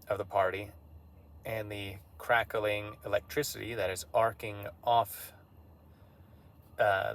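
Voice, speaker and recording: A man casually recapping a tabletop game session, relaxed and conversational, with frequent fillers. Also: fairly low pitch, vocal fry. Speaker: campaign recap narrator.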